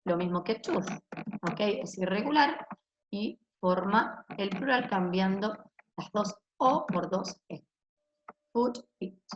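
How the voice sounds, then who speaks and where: A woman's voice: mid-range voice, lively intonation, slow. Woman teacher, explaining, keeps asking "ok?", roomy lo-fi recording, faint hiss. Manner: explains in Spanish, tags most lines with "ok?". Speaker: English teacher. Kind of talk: recorded online class explanation. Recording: echoey room, dull lo-fi sound, faint hiss.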